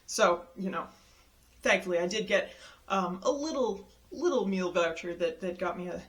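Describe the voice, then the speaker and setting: A woman casually telling a personal story, lively and exasperated, mimicking the people she quotes with big leaps in her voice. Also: moderate pace. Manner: animated, acts out quoted people with jumps in pitch; exasperated retelling of a travel mishap.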